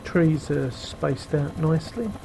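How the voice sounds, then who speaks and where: Over the roar of a sim helicopter's engine and rotors, a middle-aged man with a very deep, creaky voice explains what he's doing as he flies. He makes flight sim videos, and his commentary is relaxed, slow and full of fillers, picked up by a cheap gaming headset microphone.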